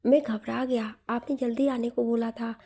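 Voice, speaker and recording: A woman's voice: fairly high pitch, fairly even intonation, moderate pace, mellow, slightly rough. A woman voicing a flustered, exasperated grown son in a story. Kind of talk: storybook narration.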